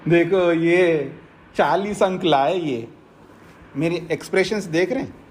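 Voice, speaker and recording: A smug, boastful man, as a preacher puts him on, draws out his taunts and lingers on every word. His voice swings widely in pitch as he mocks another person's low score. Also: expressive, a little hiss or hum. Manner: taunting, drawn-out, showing off.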